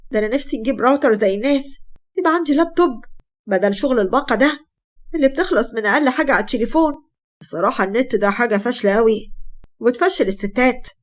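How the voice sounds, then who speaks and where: A woman's voice: fairly high pitch, natural voice. A woman putting on a jealous, bullying Egyptian husband. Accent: Egyptian Arabic. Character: jealous, violent young husband.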